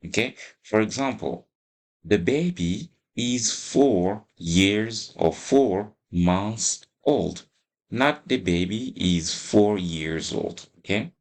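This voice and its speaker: A man teaching an English lesson explains things emphatically, repeating a lot and often checking in with questions. He speaks slowly in a lowish voice with lively intonation.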